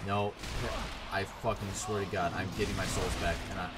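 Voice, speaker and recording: A man's voice: sits low, little pitch movement, normal speed, noisy background. A man giving sarcastic, frustrated let's play commentary while playing a game, swearing often. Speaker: gaming YouTuber.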